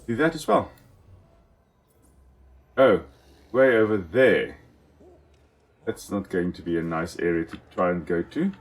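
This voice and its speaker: Speaking with a South African accent, this Afrikaans-first-language man from South Africa hosts a let's play, offering casual, enthusiastic commentary and chatting to the on-screen animals. His low-pitched voice is expressive, measured in pace, and full of frequent pauses.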